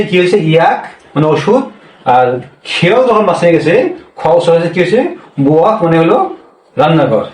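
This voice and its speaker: A man giving a spoken language lesson. He speaks slowly, repeats each point and asks questions that he answers himself. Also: sits high, recorded from a distance. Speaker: Korean language teacher. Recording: roomy, from off the mic.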